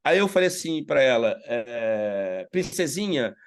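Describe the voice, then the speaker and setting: A middle-aged man tells anecdotes as an interview guest, lively, and acts out the lines of the people in them. His voice sits a bit high and has a gravelly edge. He sounds congested from sinusitis. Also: moderate pace. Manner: animated storyteller, acts out quoted dialogue. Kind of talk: storytelling in a casual interview.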